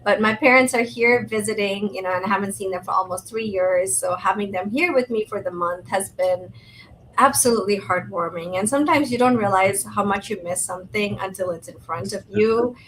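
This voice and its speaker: A woman from Thailand co-hosting an interview conversation, upbeat and warm, often saying "you know". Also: medium pitch, brisk. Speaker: podcast co-host. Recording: remote video call, faint background noise.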